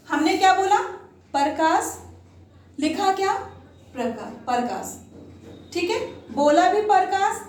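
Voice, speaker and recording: A woman teaching a Hindi lesson to young children in an online class. She talks slowly and patiently, repeats each word, and keeps checking with "theek hai". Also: very high-pitched. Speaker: primary school Hindi teacher. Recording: echoey room, distant mic, faint noise.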